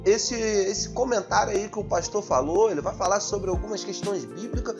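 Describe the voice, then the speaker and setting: A man's voice: sits high, moderate pace, muffled recording. A man with a Brazilian Portuguese accent, hosting a channel and giving a friendly, chatty introduction full of fillers. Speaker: channel host. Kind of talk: casual video introduction. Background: music.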